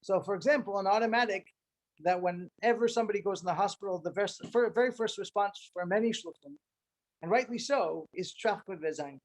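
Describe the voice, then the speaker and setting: A man's voice: high voice, brisk. A middle-aged man giving an informal training talk to fellow emissaries, earnest, repeating words for emphasis and using Hebrew and Yiddish terms. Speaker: rabbi addressing fellow Chabad emissaries.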